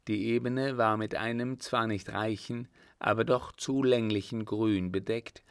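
Guy narrating an audiobook, real slow and even, lowish voice. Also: dry recording. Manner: steady, measured reading. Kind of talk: scripted narration.

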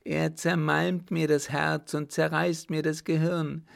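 A male narrator heavily acts the part of a half-mad young baron, crying out in shrill, wailing, anguished outbursts that come high and strained. Though gravelly and slow as it raves, the voice shows little pitch movement.

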